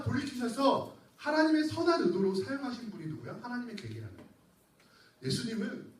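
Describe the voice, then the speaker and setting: A male pastor preaches in a high, lively voice, asking the congregation questions and dropping joking asides. The sound is roomy and echoey, as in a church hall heard from a distance. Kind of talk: sermon to a youth group.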